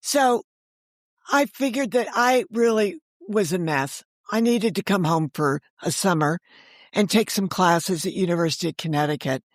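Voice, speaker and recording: This older woman, about seventy, has a lowish voice and speaks at a moderate pace, recorded dry with clean studio sound. A guest being interviewed, she writes and creates audio dramas, and she chats candidly through casual stories, acting out what people told her.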